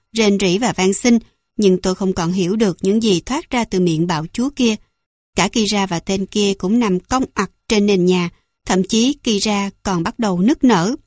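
A woman's voice: mid-range voice, darkish tone, dry recording, studio quality. A woman reading a first-person fantasy audiobook, narrating in a dramatic, emotional way.

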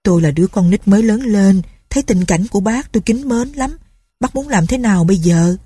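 A woman's voice: medium pitch, fairly quick, warm tone, husky, no room sound, close to an everyday voice. A woman voicing an earnest, scheming teenage peasant boy who pleads and reassures. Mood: pleading.

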